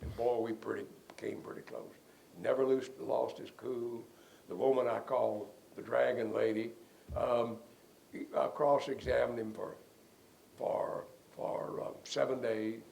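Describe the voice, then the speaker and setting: A man's voice: medium pitch, fairly even intonation, a little slow, a little mellow, slight background noise. An older man, a defense lawyer, telling rambling anecdotes in an interview and chuckling at his own stories. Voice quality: gravelly.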